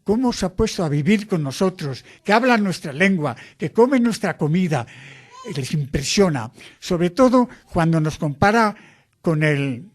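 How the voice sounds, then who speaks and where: A man's voice: high voice, expressive, moderate pace. Older man, earnest missionary priest.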